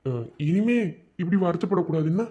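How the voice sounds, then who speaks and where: A man voicing a steady, loving young army husband in a cartoon, speaking in Madurai Tamil with a gentle, coaxing manner. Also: sits high, brisk, husky, muffled recording. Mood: tender. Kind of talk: cartoon voice acting.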